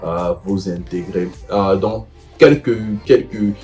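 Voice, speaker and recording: Brief: young man, lowish voice, halting advice vlog, faint guitar underneath. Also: a little mellow. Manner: hesitant, many fillers and restarts. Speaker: vlogger giving advice to students. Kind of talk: casual advice talk.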